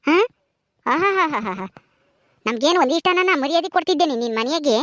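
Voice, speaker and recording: Brief: woman as a taunting village mother-in-law, very high sharp voice, dry sound. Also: lively intonation, moderate pace, no room sound. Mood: scornful. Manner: sneering, taunting, mocking laughter. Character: scolding village mother-in-law, proud and bitter.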